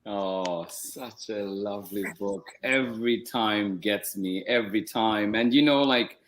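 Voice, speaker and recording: A man's voice: lowish voice, unhurried, a bit bright, slight background noise. A man hosting a story-time show, chatting casually on a video call and reacting emotionally, with fillers. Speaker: host. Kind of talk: casual interview chat.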